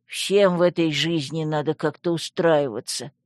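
A man's voice: fairly high pitch, dry recording, studio quality, close to an everyday voice. A man voicing the talking skull of an old wizard, grumpy and self-important, in an audiobook. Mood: grumbling. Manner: grumbling, slow and pompous.

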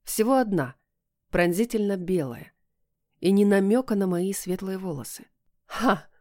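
A woman reading a first-person story aloud in an even storytelling voice. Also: medium pitch, normal speed, no echo, studio quality. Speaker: audiobook narrator.

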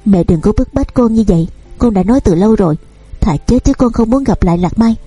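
A tormented, disfigured young man who protests and begs in anguish. The voice is dark and husky, recorded close and dry, read by a woman storyteller. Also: on the high side, lively intonation, fairly quick, dry recording, faint music behind. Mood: protesting. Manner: anguished, pleading.

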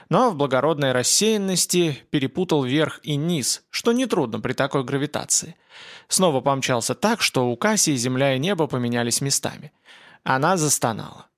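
A man narrating an audiobook in an even, measured reading style. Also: medium pitch.

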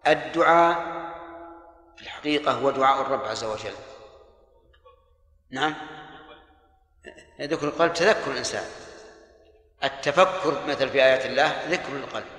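A man's voice: on the high side, fairly bright tone. Older man teaching in an echoing hall. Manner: explains slowly, quizzes students with questions. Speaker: scholar teaching a book. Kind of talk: religious lesson. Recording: echoey hall recording.

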